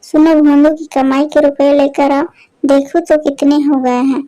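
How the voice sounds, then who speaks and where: A woman voicing a stern, gruff middle-aged village father in a storybook tale. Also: high-pitched, level tone, unhurried, mellow. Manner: gruff and scolding.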